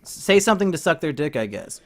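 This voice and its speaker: A man's voice: on the high side, very animated, fast. A man co-hosting a podcast, trading crude, mocking banter and breaking into heated rants. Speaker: podcast co-host. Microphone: podcast microphone.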